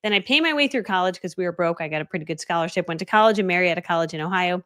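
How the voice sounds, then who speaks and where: Woman, forties, from Connecticut, rapid chatty live-stream coach, animated. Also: on the low side. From Connecticut, USA. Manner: chatty, animated, quoting herself, many "like" fillers. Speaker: business coach. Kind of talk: casual live-stream storytelling.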